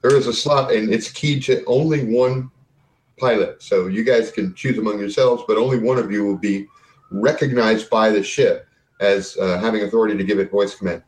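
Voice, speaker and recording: A man's voice: on the low side, normal speed, a little mellow, roomy sound, low-quality recording. A man narrating an improvised tabletop game as game master.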